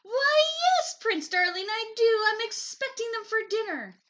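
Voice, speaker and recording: A woman's voice: very high voice, animated, measured pace, a bit bright, voice pushed up, heavily acted. A woman voicing a sly, sugary-sweet, hungry witch in a picture book read-aloud. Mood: gushing.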